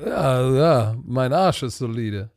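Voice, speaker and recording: A tired man talking football picks in a casual podcast chat, animated and full of vivid trash talk. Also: mid-range voice, slow pace, vocal fry, no echo. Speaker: podcast co-host.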